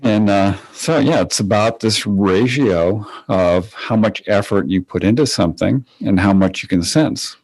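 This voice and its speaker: Deep-voiced relaxed man explaining. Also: unhurried, few pauses, dry recording, low-quality recording. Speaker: podcast co-host, Feldenkrais teacher. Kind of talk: casual conversation.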